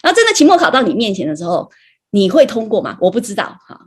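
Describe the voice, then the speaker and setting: Husky-voiced woman telling her faith story. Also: medium pitch, big pitch swings, quick pace. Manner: chatty storytelling, frequent light laughs and tag particles. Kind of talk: conversational personal testimony.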